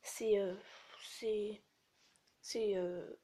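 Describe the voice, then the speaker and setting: A teenage girl with a hoarse voice, chatting casually and rambling with many fillers as she shows her collection. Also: medium pitch, steady tone, drawn-out words, slight background noise. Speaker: vlogger. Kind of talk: casual chat. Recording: loud background music.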